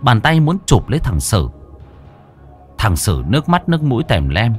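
A man's voice: medium pitch, wildly swooping pitch, moderate pace. A man narrating a ghost story in a dramatic, scripted style. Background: faint music.

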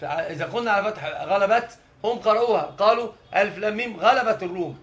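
A man's voice: sits high, quick pace, a bit bright, husky, soft background music. A man teaching a scholarly religious lesson, explaining the text step by step. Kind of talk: scholarly lesson on Quran readings.

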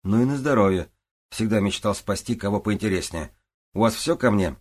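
A man's voice: on the low side, animated, a little fast. A man voicing a sarcastic, touchy young man in a hospital, grumbling and biting.

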